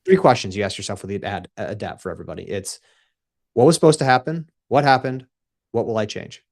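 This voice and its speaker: A man in his thirties appears as a coach in a radio interview, speaking with an emphatic coaching cadence yet casual and easygoing, laughing easily. His voice is fairly low and quick.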